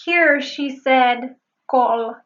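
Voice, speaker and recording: A woman accent coach teaches pronunciation in a high voice, slowly and carefully. She repeats single words to demonstrate each sound. The recording is slightly dull and muffled. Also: fairly bright tone. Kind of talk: pronunciation lesson.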